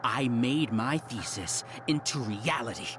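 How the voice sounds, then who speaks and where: An actor playing an arrogant villain researcher who leads a hive mind, giving grandiose, condescending monologues in a video game. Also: male voice, mid-range voice, animated, unhurried, over music, lightly acted. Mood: bitter.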